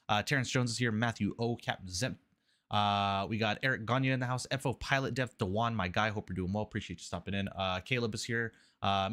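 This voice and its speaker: Over background music, a man live-streams a flight sim through a headset mic, his voice on the low side and a bit bright. A mild flu leaves him slightly nasal and congested, but he stays upbeat, greeting chat by name and reading out his cockpit setup steps.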